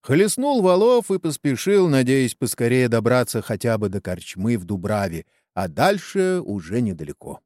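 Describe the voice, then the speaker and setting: A man narrating a story in an expressive storytelling manner, as an audiobook. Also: mid-range voice, normal speed, few pauses, dry recording, clean studio sound.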